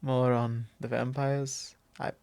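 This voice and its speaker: In an ASMR roleplay built as a soft, intimate monologue, a man plays a courteous vampire lord who confides quietly. His mid-range, gravelly, creaky voice moves very slowly with flat delivery, in measured, formal, hesitant phrases that fall into soft breathy drops, apologetic and confiding, solemn and tender, recorded very close and dry on the microphone.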